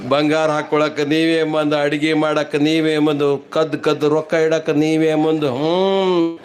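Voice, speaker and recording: A man with a North Karnataka Kannada accent and a high voice delivers rhyming folk comedy from a stage at a religious gathering. He spins stories and playfully teases his listeners. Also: level tone, unhurried. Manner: rhyming, storytelling, playfully teasing the audience. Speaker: comedian and mimicry artist.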